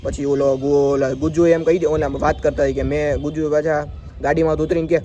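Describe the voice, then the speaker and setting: A man's voice: a little high, fairly quick, soft background music. A young man, telling a story in a casual vlog and acting out the exchanges. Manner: animated, acts out quoted exchanges. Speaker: vlogger. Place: outdoors by a school.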